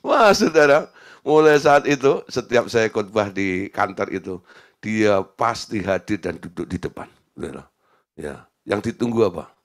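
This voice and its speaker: Animated pastor. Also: male voice, on the low side, unhurried. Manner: animated, chuckling storyteller, "gitu loh" filler. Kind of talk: sermon storytelling.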